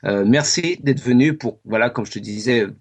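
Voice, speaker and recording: A man hosting a casual web radio chat, talking in halting phrases with many fillers and restarts. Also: mid-range voice. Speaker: radio show host.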